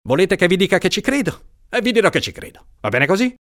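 A man's voice: fairly high pitch, sing-song, normal speed, no room sound, studio quality, voice pushed up. A man reading aloud, voicing an exasperated middle-aged judge who exclaims in a raised, incredulous voice.

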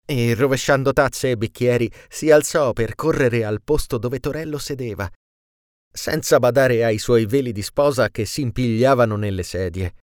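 A man reading a classic tale aloud with an expressive storytelling delivery. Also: medium pitch, normal speed, dry recording, clean studio sound.

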